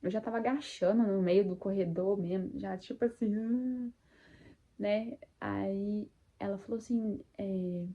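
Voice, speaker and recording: A young Brazilian woman casually and emotionally telling her own birth story to viewers, speaking warmly about her faith and acting out her own cries. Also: medium pitch, steady tone, unhurried, dull audio. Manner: faith-filled, addresses viewers as "gente". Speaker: vlogger sharing birth story.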